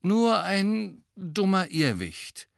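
A man's voice: slow pace, no echo, clean studio sound, natural voice. A man doing a grave, soothing wizard. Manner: calm and low, soothing. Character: grave, calm adult male wizard, comforting.

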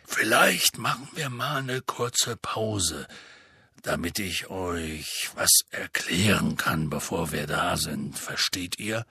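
A man reading a gruff giant gamekeeper, husky voice, hesitant, dry audiobook sound. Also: deep voice, expressive, sharp tone, dry recording, pitched below the performer's own voice, full character voice. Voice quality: gruff, dialect-clipped speech. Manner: hesitant, halting. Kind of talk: audiobook character voice.

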